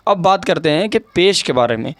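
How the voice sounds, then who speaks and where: A man teaching Urdu grammar. His voice sits a little higher than most men's, and he goes over each point patiently, repeating key words and checking in with the listener. The recording is dry and close, with no room sound. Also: animated, fairly bright tone, dry recording. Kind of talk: explaining a lesson over an on-screen document.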